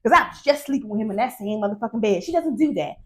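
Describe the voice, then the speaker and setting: A middle-aged woman giving a casual, profane movie recap, animated and laughing often. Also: a little high, fast. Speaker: movie reviewer.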